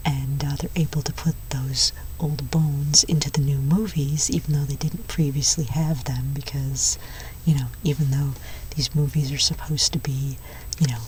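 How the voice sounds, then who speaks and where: Woman as a low, whispering movie-store clerk, whispered role-play. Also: distant mic, slight background noise, rough recording. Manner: soft-spoken, rambling, unhurried, enthusiastic. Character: chatty, nerdy movie-store clerk recommending sci-fi films.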